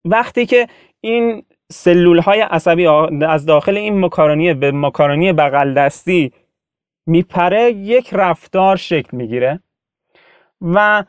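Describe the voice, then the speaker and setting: A man's voice: high-pitched, animated, clean tone, no echo, studio quality. A man teaching an audio lesson, explaining patiently with everyday comparisons and repeating his points. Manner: explains with homely comparisons and repetition. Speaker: instructor.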